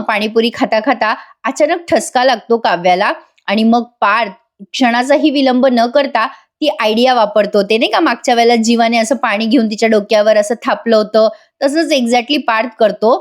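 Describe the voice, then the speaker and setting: Brief: friendly woman reviewer with a fairly high voice, chatting to viewers in voice-over. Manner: chatty, addresses viewers directly. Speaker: TV serial reviewer.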